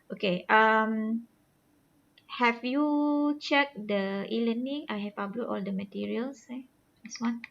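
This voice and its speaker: A woman lecturer with a Malaysian accent gives an online course briefing, heard through a screen recording of the video call. She talks haltingly, with many fillers and "lah" tags. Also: fairly high pitch, vocal fry. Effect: screen-recorded online class audio. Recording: muffled screen-recorded call with faint hiss.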